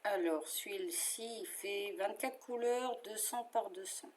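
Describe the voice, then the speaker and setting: A woman's voice: medium pitch, slow. A woman with a French accent chatting casually as she shows her favorite cross-stitch patterns, with fillers and little asides.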